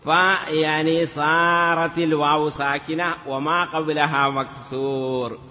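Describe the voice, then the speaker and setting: This male Arabic morphology teacher has a fairly high, bright voice, delivered flatly, slowly and with a pushed quality. In a classroom lecture he drills word forms in a sing-song chant, saying "yes" often between steps. Audio is dull and lo-fi, trailing a long reverb.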